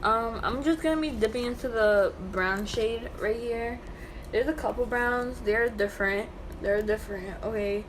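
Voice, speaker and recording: A woman's voice: fairly high pitch, measured pace. A young woman with a slight lisp from a new tongue piercing, chatting casually through a makeup tutorial at home. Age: young adult. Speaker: makeup vlogger. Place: small bedroom at home, indoors. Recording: clearly noisy home room recording.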